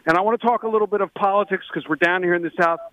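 A man from Baltimore co-hosting a sports betting radio show, calling in from a restaurant and telling stories in a talkative, energetic way. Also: high-pitched, very fast, no echo. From Baltimore, Maryland. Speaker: co-host. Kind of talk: casual radio chat. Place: Mexican restaurant, phone call. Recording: tinny phone line.

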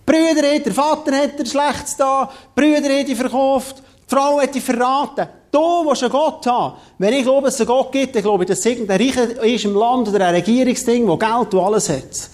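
A man's voice: very high voice, brisk. A man preaching voices a mocking male fellow prisoner who scoffs at faith. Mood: scoffing. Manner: scornful, incredulous.

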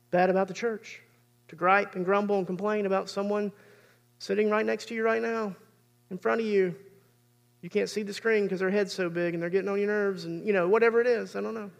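A man's voice: high-pitched, fairly even intonation, normal speed, creaky, long pauses. A man, preaching a sermon as pastor in an earnest, conversational way.

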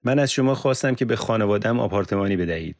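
A man voicing an embittered male prisoner in an audiobook, agitated and complaining, shouting in bursts. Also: sits low, slightly rough, no echo, clean studio sound, heavily acted. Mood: bitter, complaining. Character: bitter, defiant male prisoner under interrogation. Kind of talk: audiobook character reading.

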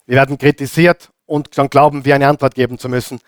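A man with an Austrian German accent preaching a sermon as pastor. He hammers home repeated phrases, asks the congregation questions, and swings between loud and hushed delivery. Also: mid-range voice, little pitch movement, fast talker, no echo, studio quality.

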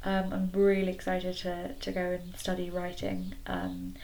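Recording on a computer in a small, slightly echoey wooden garden shed, a nineteen-year-old solo podcast host chats casually, hesitant and self-effacing. Her voice is lowish, a little mellow, and very animated, though she speaks a little slowly. The home recording is rough, clicky, and noisy in the background.

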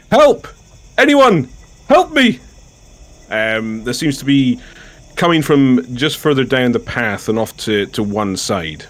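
A man running a tabletop game as game master, describing scenes with frequent ums. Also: fairly low pitch.

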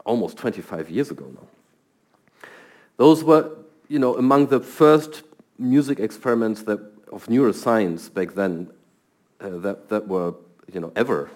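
Speaking in a lowish voice with a darkish tone, a middle-aged man from Germany answers interview questions as a guest scientist. He has a German accent, thinks carefully, and tends to repeat words when starting to speak.

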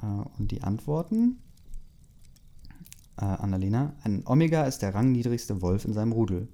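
A man casually reading a fan story aloud and chat comments, with relaxed fillers and asides. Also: lowish voice, moderate pace, gravelly.

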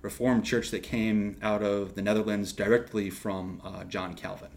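A young man from Texas, a seminarian guest on a podcast, telling his story casually with lively restarts and asides. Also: lowish voice, creaky. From Texas, USA. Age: young adult. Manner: animated, quick asides and restarts.

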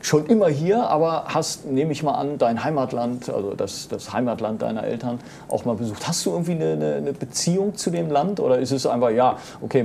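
A man's voice: mid-range voice, vocal fry, mellow, a little hiss or hum. A man hosting a casual studio talk show, chatty and playful, with a lot of fillers.

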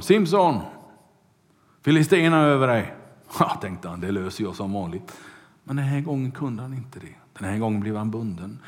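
A man preaching a sermon, retelling a Bible story with loud bursts and hushed asides. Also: fairly low pitch. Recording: long hall reverb.

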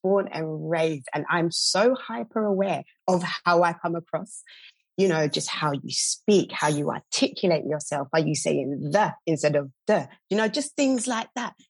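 A woman's voice: low voice, moderate pace, vocal fry, breathy edge, dry recording. A woman with a South London accent, a teacher speaking in a thoughtful, conversational way on a podcast.

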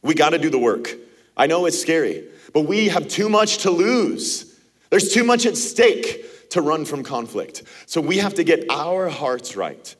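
A man in his thirties preaching from a church stage. His voice is husky and sits a little high for a man. He keeps it conversational, acting out small exchanges to make his points. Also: sing-song, measured pace. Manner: conversational preaching with acted-out quotes and laughs. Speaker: pastor. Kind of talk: sermon. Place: church auditorium.

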